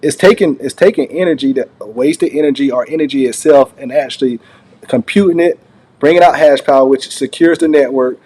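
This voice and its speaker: A man's voice: medium pitch, a little fast, a little mellow, slightly rough. A man hosting his own channel, giving casual unscripted commentary in a rambling, conversational way that circles back over his phrases. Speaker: online channel host reacting to a recorded call.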